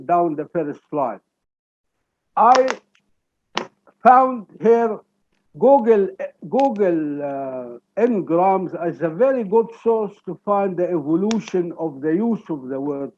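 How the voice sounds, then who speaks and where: Man, Egyptian Arabic accent, lecturer, measured explanatory delivery, dull muffled recording. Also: high voice, darkish tone. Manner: deliberate, explanatory, asks "okay?" often. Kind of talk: academic lecture.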